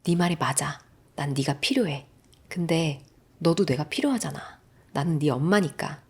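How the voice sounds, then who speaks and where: A woman voicing an obsessive, controlling mother who murmurs in a low, hushed voice, in a film recap. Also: normal speed, breathy edge, heavily acted. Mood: hushed menace.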